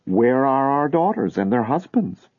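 A man voicing a scornful, sharp-tongued wife who mocks and scolds her husband, in a storybook reading. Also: medium pitch, sing-song, measured pace, no room sound, pitched above the performer's own voice. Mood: mocking. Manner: mocking, scolding. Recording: tinny phone-like sound.

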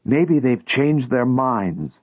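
A man doing a gentle, hopeful young girl. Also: mid-range voice, lively intonation, moderate pace, dry recording, voice pushed up, lightly acted. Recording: tinny phone-like dry recording.

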